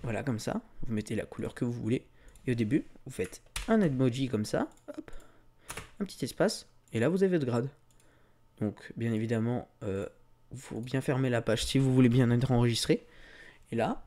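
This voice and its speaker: This screen-recorded tutorial features a man talking through every click at a normal speed, easygoing and full of fillers. His voice is mid-range.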